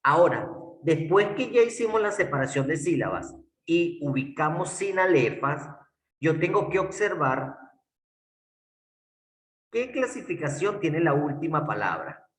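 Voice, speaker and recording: A man teaching a class, speaking slowly and emphatically, repeating key points and checking in with his students. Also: on the high side, big pitch swings. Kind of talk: classroom lesson. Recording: echoey classroom from far off.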